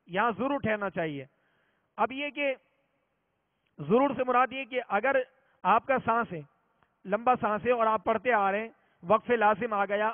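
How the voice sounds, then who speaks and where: A man teaching a religious reading lesson, explaining patiently and repeating each rule, slowing down to sound out examples. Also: high voice. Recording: tinny phone-like audio, long reverb.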